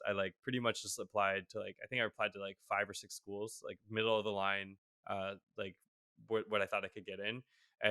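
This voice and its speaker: A man's voice: fairly low pitch, pushed and bright, clear, resonant tone, dry recording, clean studio sound. A man in his thirties from the Boston area, chatting casually as a guest on a video call, rambling with many fillers and self-deprecating laughs. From Boston area, USA. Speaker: guest, tech CTO. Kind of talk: casual interview. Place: home room, on a video call.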